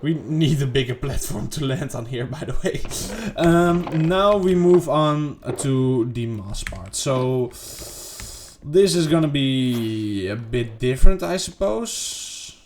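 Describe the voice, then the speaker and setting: A man's voice: expressive, slow pace, darkish tone, a little hiss or hum. A man casually talking through his gameplay, rambling and second-guessing himself with lots of fillers. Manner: rambling, self-questioning, lots of fillers and "boom". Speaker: gaming video creator. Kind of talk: casual unedited gameplay commentary.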